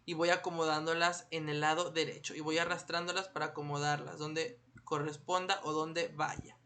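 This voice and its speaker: A man leads an online lesson in a bright, ringing voice. He poses questions to his students and patiently supplies the answers himself. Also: a little high, level tone, moderate pace, slight background noise. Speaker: primary school teacher.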